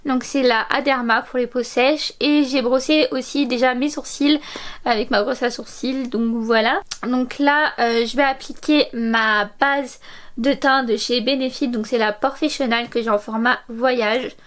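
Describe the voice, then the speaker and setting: A young woman in her twenties talks through a makeup routine in a high, chatty voice. She fills her speech with little hesitations and praises products eagerly. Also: steady tone, unhurried, a bit bright. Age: 20s. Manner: chatty, many fillers, enthusiastic about products. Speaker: beauty vlogger. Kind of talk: makeup tutorial narration.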